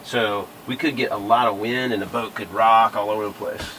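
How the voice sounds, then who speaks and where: A man's voice: fairly low pitch, steady tone, fairly quick, sharp tone. A man talking casually and methodically as a liveaboard sailor hosting a vlog. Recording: noisy boat recording with windy ambience.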